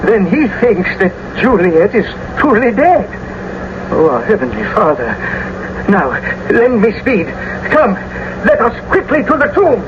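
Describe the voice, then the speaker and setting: An actor playing an anxious, devout friar in a classical radio drama. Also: male voice, sits high, sing-song, measured pace. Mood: urgent. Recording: muffled, noisy old radio broadcast.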